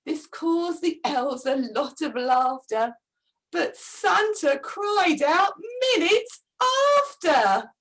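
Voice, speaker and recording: Dramatic, slow woman storyteller. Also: sits high. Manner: dramatic, expressive, with gasps. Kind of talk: rhyming storybook reading.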